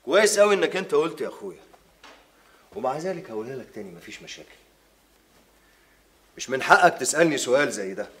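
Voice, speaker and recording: A defiant older brother in an Egyptian film drama, cold and provoking. His Egyptian voice is bright and lively and he talks very fast. Soft music sits behind him. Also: medium pitch, a little hiss or hum. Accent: Egyptian Arabic. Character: defiant older half-brother claiming the house.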